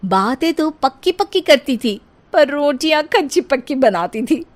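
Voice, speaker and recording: A woman narrates a light comic story with a lively, bouncing pitch. Her voice sits somewhat high and has a playful, teasing delivery. This is scripted storytelling. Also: measured pace.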